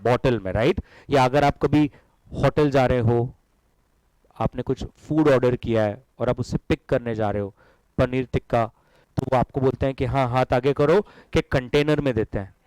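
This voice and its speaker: A man's voice: medium pitch, moderate pace, darkish tone, dry recording, rough recording. A middle-aged man teaching accounting to a live class, drilling students in call-and-response and mixing Hindi with English terms. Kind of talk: classroom lecture.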